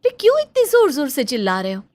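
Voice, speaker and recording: A woman's voice: sits high, huge pitch swings, fast, a little mellow, pitched above the performer's own voice. A woman voicing a worried, frustrated young mother and daughter-in-law in a cartoon story, anxious and pleading. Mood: exasperated. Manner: anxious, pleading, rising to exasperation.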